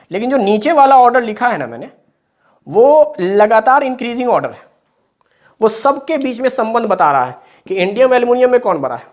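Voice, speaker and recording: A man teaching a chemistry lesson, explaining patiently, repeating key points and calling his students beta. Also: sits high. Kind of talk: classroom lecture.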